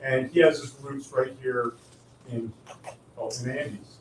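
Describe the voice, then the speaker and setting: A man's voice: medium pitch, steady tone, slow pace, slight background noise. A man from the city water supply answering questions at a meeting, earnest and factual, explaining history and costs. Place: county board meeting room. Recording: echoey room, distant mic.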